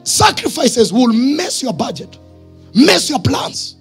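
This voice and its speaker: This Kenyan preacher, a man in his thirties, has a husky but very high voice with big swings in pitch and a fairly bright tone. Speaking slowly into a handheld microphone on an indoor church stage, he pushes his sermon home through short, emphatic phrases and questions. Faint music plays behind him.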